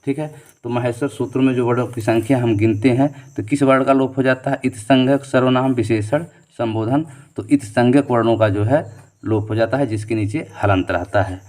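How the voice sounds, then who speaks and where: A male teacher leads an exam-prep quiz lesson, reading each question and its options aloud, reasoning his way to the answer, then repeating key answers back as a drill. He leans on fillers like "theek hai" and "jo hai" and offers memory tricks and shortcuts. His mid-range voice is a little mellow, and he speaks a little fast.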